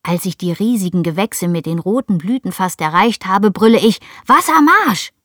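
A woman narrating a first-person story as a reader, in a lively storytelling manner. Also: lowish voice, moderate pace, no room sound, clean studio sound. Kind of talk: storybook reading.

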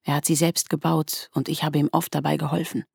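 Female audiobook narrator, hushed and tense, raspy low register, bone-dry close recording. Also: flat delivery, a little fast, dry recording. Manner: hushed, tense, dropping at times to a whisper. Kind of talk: first-person literary narration.

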